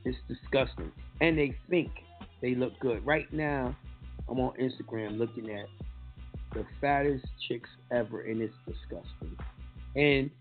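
A man with a New York accent hosts a talk radio show, voicing blunt, profane opinions. His mid-range voice keeps a measured pace over lo-fi phone-line sound with faint music.

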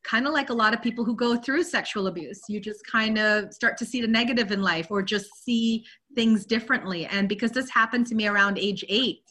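A woman's voice: fairly high pitch, brisk, hardly any pauses, pushed and bright. A woman from Guyana, a spiritual teacher and interview guest, telling her life story candidly and openly with frequent "you know.". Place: Virginia.

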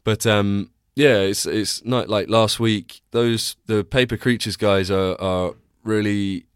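Tired and congested, a young podcast host rambles through a casual solo chat with many restarts, recorded in a small, cramped home space. His lowish, smooth voice has fairly even intonation, and he takes it slowly. The recording is dry and studio quality.

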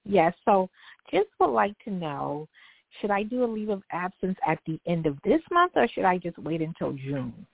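A woman's voice: lowish voice, very animated, normal speed, creaky, no room sound. Woman caller on a tinny phone line. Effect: heard over the phone. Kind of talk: casual call-in chat.

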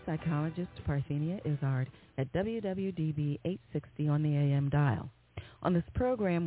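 A woman hosting a radio program, reading scripted announcements and news over a phone-like connection. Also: low voice. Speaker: radio host. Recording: dry, tinny phone-line sound.

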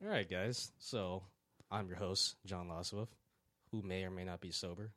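A man's voice: deep voice, steady tone, moderate pace, fairly bright tone, dry recording. A young man hosting a casual horror game podcast, joking and giggling as he chats with his co-hosts. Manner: joking, giggly, reads ad copy. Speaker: podcast host.

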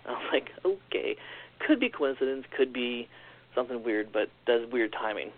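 A man telling a strange personal story in a casual, animated way, acting out what others said, on a phone-like recording. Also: mid-range voice. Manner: animated, quick storyteller acting out quoted lines. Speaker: podcast guest. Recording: tinny phone-like line.

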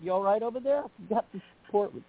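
A man's voice: high-pitched, fast talker, a little hiss or hum. A man calling in to a radio show over a phone line, rambling and scattered, swearing casually. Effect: heard over a phone line into a radio show. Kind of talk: casual call-in chat.

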